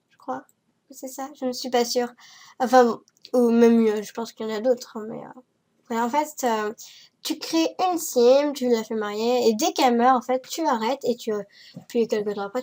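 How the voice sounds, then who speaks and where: Hoarse, nasal woman rambling over gameplay. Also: on the high side, a little mellow. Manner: rambling and hesitant, self-mocking. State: hoarse from a cold. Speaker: Sims building YouTuber.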